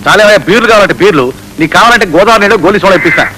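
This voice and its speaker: A man playing a loud, playful comic character in a film scene. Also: high-pitched, racing, a little hiss or hum, rough recording.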